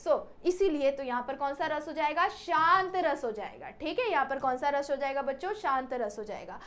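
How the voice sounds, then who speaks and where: A woman with a high-pitched voice teaches an exam-prep grammar class. She keeps asking the class questions and answering them herself, often checking in with a quick "okay". She mixes English words into her teaching. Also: lively intonation, a bit bright.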